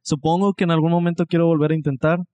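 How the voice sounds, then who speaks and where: A man's voice: on the high side, racing, clean tone, no room sound. A young man from Monterrey, chatting casually and a bit ramblingly as a podcast co-host. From Mexico (Monterrey). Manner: relaxed, rambling, self-deprecating. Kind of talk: casual chat.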